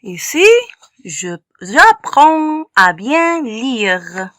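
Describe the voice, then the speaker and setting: Slow-spelling woman teacher, dry sound. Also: on the high side, sing-song, fairly bright tone, no echo. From Morocco. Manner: sounds out letters and syllables slowly, stressing each sound. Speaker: primary school teacher. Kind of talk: slow phonics lesson for young children.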